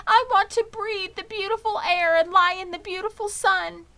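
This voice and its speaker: A woman's voice: very high-pitched, steady tone, moderate pace, bright, forceful tone, pitched above the performer's own voice, full character voice. A woman voicing a young male pig in a children's storybook, naive, wailing and pleading in tearful melodrama. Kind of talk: children's storybook character reading.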